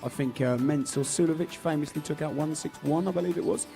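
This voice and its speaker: Darts guy explaining tactics, chatty, bit high voice, light music behind. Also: a little fast, gravelly, warm tone. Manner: chatty, thinking aloud with restarts. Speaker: darts studio presenter.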